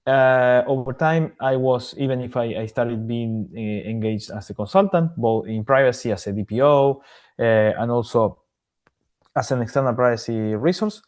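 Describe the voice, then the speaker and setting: A man's voice: medium pitch, a little mellow. Male guest from Argentina, mid-range voice, hesitant speech full of restarts. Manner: halting, many repeated words and restarts. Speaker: podcast guest, AI governance consultant. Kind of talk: casual interview answers.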